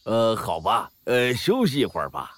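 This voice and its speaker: A man's voice: on the low side, wildly swooping pitch, moderate pace, dry recording, voice pushed down. A man playing a bearded loyal tutor. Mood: calm. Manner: hesitant "uh" before speaking. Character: bearded older male tutor, loyal and steady.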